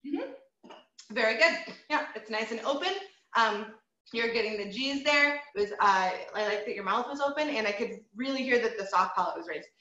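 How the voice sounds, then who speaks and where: Woman voice coach, bright tone, kinda high, encouraging, roomy dull-ish audio. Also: lively intonation, moderate pace. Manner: encouraging, patient, frequent ums. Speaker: voice teacher. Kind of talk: group singing lesson with sung demonstrations.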